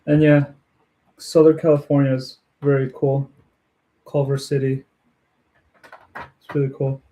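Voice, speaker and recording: Livestream host, man from Ukraine; mellow, dark tone, easygoing chatter with frequent laughs. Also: medium pitch, level tone, measured pace. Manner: friendly, chatty, laughs often while building. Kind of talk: casual chat with live viewers.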